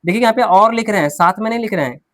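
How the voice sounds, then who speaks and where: A man's voice: high voice, lively intonation, rapid-fire, a bit bright, no room sound. A man teaching an English pronunciation class, asking the class questions and answering them himself, repeating the key words. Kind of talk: classroom lesson, explaining at a board.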